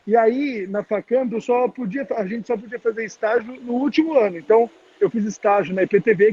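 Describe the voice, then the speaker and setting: Guy w/ sao talking thru a face mask, high husky muffled voice, chatty career talk on a call. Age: around 30. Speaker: guest speaker, TV journalist. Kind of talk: informal career talk to students. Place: public place, on a video call. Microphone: video call. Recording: dull, muffled call audio.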